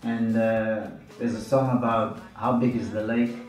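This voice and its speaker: A man in his thirties, a musician from Zambia, answering interview questions in a relaxed, unhurried way with fillers. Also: on the low side. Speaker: musician guest. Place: small studio room, indoors. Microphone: studio mic on stand, headphones. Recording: roomy, slightly distant mic with music underneath.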